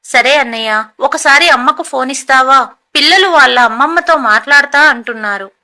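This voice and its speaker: A woman's voice: sits high, normal speed, sharp tone, heavily acted. A woman doing a devoted, bewildered young wife. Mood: cheerful.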